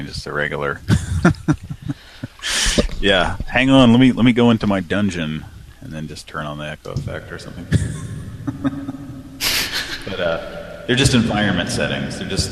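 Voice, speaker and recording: A man whose voice has been pitch shifted very deep by a sound card effect, talking casually as a co-host. He rambles in a loose, profane way and chuckles often. A faint hiss sits under the voice. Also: a bit bright. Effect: pitch shifted deep by sound card settings. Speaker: live show co-host. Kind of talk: casual chat.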